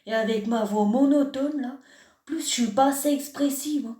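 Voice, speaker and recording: A young woman answers a comment in a reaction vlog with mock self-deprecating sarcasm. Her voice is fairly high but mellow. The sound is roomy, with echo off the walls. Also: normal speed. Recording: echoey room.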